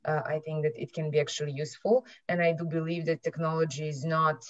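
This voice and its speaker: A woman's voice: sits low, flat delivery, quick pace, no room sound, highs cut off. A woman from Serbia with a Serbian accent, a marketing entrepreneur giving a hesitant opening statement on an online panel, full of fillers and restarts.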